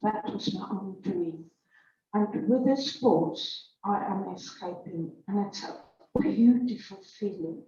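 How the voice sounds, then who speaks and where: Slow, mellow woman. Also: medium pitch. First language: Afrikaans. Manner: halting, self-correcting, emotional. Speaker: church member giving testimony. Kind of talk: personal church testimony. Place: church hall. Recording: echoey church hall, distant dull mic.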